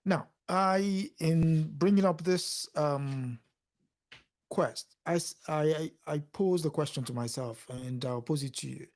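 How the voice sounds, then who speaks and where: A man's voice: on the high side, unhurried, a little mellow. A man hosting an interview, asking reflective questions and murmuring along as his guest speaks. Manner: poses reflective questions, frequent listening murmurs. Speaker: host. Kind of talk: conversational interview.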